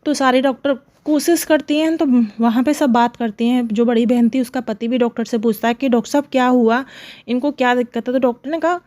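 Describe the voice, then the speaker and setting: A woman's voice: fairly high pitch, steady tone, a little fast, darkish tone. A woman narrating a devotional true story in an earnest manner, voicing the characters' lines within her telling. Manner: earnest, retelling with quoted dialogue.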